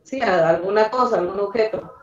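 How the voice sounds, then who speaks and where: A woman's voice: medium pitch, fairly quick, reverberant, lo-fi sound. A woman student answering a teacher's questions in class, unsure of herself and hedging her answers.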